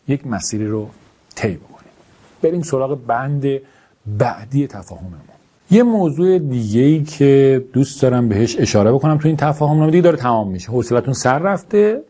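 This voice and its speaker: A man introducing his online course in a slow, deliberate lecture. His voice is dark, mellow and a little husky. He does not articulate some sounds quite cleanly, and he keeps dropping informal, self-deprecating remarks. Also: medium pitch. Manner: deliberately slow, careful speech.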